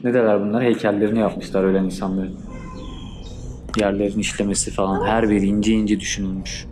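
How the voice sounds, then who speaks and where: A man's voice: fairly low pitch, little pitch movement, a little fast, over music. A man giving a casual, curious walking-tour commentary as a travel vlogger, full of questions and exclamations. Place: walking through a cemetery outdoors. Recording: clear outdoor ambient noise.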